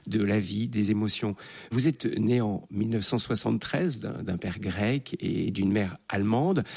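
A man interviewing a guest, asking measured questions with some hesitations. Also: on the low side, gravelly, a little mellow, slightly rough.

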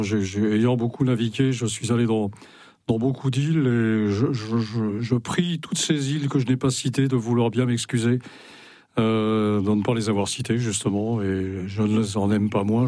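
A man's voice: lowish voice, fairly even intonation, moderate pace, dark tone, no echo. A man who is a guest on a radio show, telling long stories and stumbling over his words now and then. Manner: rambling, storytelling, stumbles on words. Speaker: radio guest, writer and sailor. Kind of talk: radio interview.

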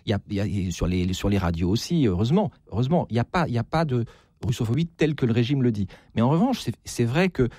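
A man's voice: mid-range voice, animated, fast, dark tone, dry recording, clean studio sound. A man being interviewed as an author, speaking hesitantly with many restarts and repeated words. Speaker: author, guest. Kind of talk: interview conversation.

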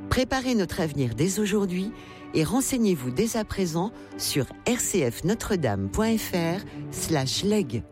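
A woman announcer reading a scripted radio promo in an even manner. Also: lowish voice, a little slow. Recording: voice over music bed.

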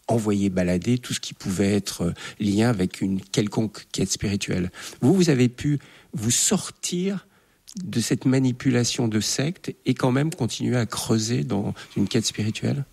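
A man's voice: lowish voice, lively intonation, moderate pace, creaky, a little mellow, husky. A man interviewing a guest, asking probing, empathetic questions.

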